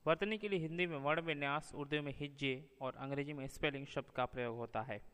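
Slow careful guy reading out a lesson, word by word, smooth voice, kinda reverby. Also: a little high, a bit bright. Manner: slow, deliberate word-by-word reading of spelling pairs. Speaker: teacher. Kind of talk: reading a grammar lesson aloud. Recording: long reverb.

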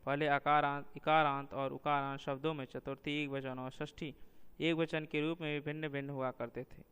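A man's voice: a little high, fairly bright tone, clear, resonant tone, long reverb tail. Man reading a linguistics lesson. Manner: measured, enumerating examples one by one. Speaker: lecturer.

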